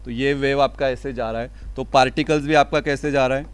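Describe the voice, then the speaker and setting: A man teaching school physics in a lecture, explaining step by step, asking and answering his own questions, and reading out definitions slowly. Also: mid-range voice, steady tone, clean tone. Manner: mixes Hindi with English terms, reads definitions slowly. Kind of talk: classroom lecture.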